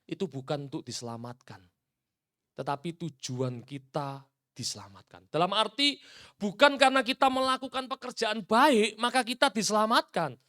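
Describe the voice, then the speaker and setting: A male pastor preaching a sermon, rising to loud emphatic peaks and dropping to hushed, near-whispered endings while addressing the congregation directly. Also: very high-pitched.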